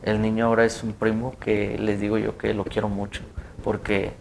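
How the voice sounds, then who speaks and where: A young man with a Mexican Spanish accent gives a personal testimony in a low, even, flat voice. He speaks haltingly and stops often on fillers. A faint hiss sits under the studio recording. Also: gravelly. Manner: halting, hesitant, with many fillers. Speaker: interview guest, attack survivor.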